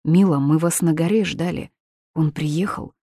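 Woman reading a grave shaken young man, halting delivery, low tone. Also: mellow, dry recording, studio quality. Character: shaken young man bearing bad news.

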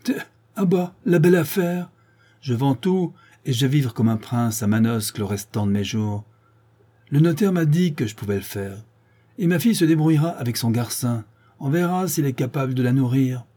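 A man voicing a stubborn, scornful old male farmer from the countryside in a read-aloud story, with gruff, mocking outbursts. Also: medium pitch, animated, normal speed, warm tone.

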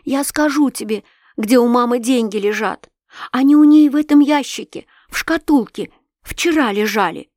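A woman voicing a frightened little girl who pleads with her father in shrill, drawn-out cries. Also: darkish tone, no room sound, close to an everyday voice. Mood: eager.

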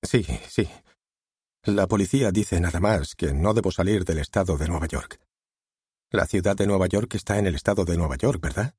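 Curt evasive husband in a storybook reading, deep dark husky voice, narrator doing him. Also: male voice, normal speed, no room sound, clean studio sound. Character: evasive, defensive husband, middle-aged man.

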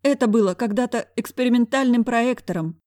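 A man's voice: high voice, moderate pace, darkish tone, dry recording, pitched above the performer's own voice, close to an everyday voice. Woman voicing a male school director, older, panicky, melodramatic, whining, audiobook character, dry sound. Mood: tearful pleading. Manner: theatrical, whining, exclamatory.

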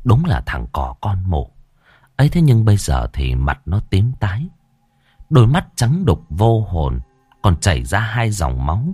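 A man narrating a village horror story in a dramatic, expressive storytelling manner. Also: low-pitched, measured pace, breathy edge, no room sound.

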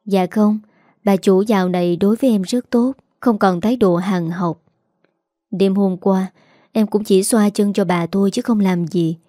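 A woman voicing a gentle young daughter-in-law who speaks softly and politely. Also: mid-range voice, steady tone, normal speed, dry recording, studio quality, lightly acted.

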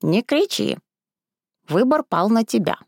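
A woman's voice: fairly high pitch, big pitch swings, unhurried, creaky, dry recording, studio quality, pitched above the performer's own voice, full character voice. A woman reading a storybook and voicing a crafty, rude old village woman who flips between sugary coaxing and coarse scolding. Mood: coaxing, bossy. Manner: sing-song sugary then snapping, coarse.

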